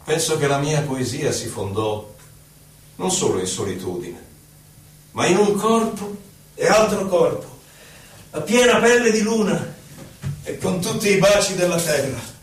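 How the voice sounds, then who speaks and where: Loud music plays over a distant, echoey radio recital in which a man delivers poetry solemnly and theatrically, lengthening each phrase for drama. His slightly high voice is sing-song and measured, broken by frequent pauses, with a little hiss or hum audible.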